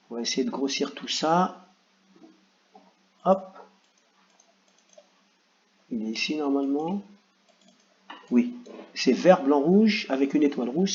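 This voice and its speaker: A male teacher talks young pupils through their exercises step by step, patient and encouraging. His voice sits at an ordinary middle pitch. The recording sounds a little dull and lo-fi. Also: a little mellow. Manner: patient, encouraging, addresses children directly. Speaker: primary school teacher. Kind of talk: explaining worksheet exercises to children.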